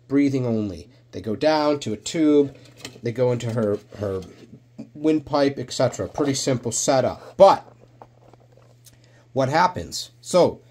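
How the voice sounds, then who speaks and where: A man with a nasal voice from a cold he is getting over, hosting an educational reptile rescue vlog and talking straight to his viewers with animated bursts of emphasis. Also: mid-range voice. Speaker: reptile rescue channel host.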